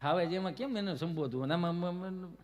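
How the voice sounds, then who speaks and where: A man telling comic stories on stage, chatty and anecdotal, acting out the other people's voices and breaking into loud chanted verse. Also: high voice, a little fast. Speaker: folk comedian and storyteller. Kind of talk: Gujarati comic storytelling on stage.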